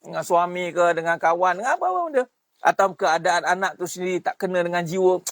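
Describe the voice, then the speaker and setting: Man, Malaysian Malay accent, middle-aged, religious teacher, casual talk, high voice, dry close sound. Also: fast, no room sound. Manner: animated, shifting between soft asides and sudden raised bursts.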